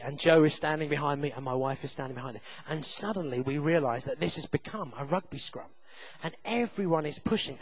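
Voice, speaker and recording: Man, preacher, very high voice, dry dull sound, self-deprecating storytelling. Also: no echo. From England. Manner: self-deprecating storyteller, bursts into shouted reenactments. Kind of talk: sermon with personal story.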